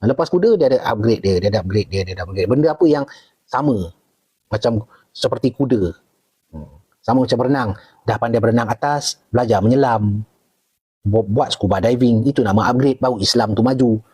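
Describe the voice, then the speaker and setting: A middle-aged man with a Malaysian Malay accent takes viewer questions in a loose live chat. His voice is husky and mellow. He talks animatedly, jumping up high to hammer a point home and tossing in quick "okay?"s. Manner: animated, leaps high for emphasis, keeps checking in with "okay?" and "right?". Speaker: retired army officer answering viewer questions. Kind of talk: casual live Q&A.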